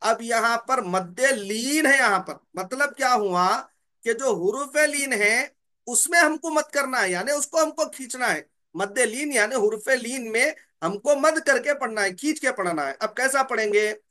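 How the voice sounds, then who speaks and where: A man's voice: extremely high pitch, expressive, sharp tone. A man teaching the rules of Quran recitation, repeating key terms and asking and answering his own questions. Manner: drawls out letter names slowly. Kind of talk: slow explanatory lesson.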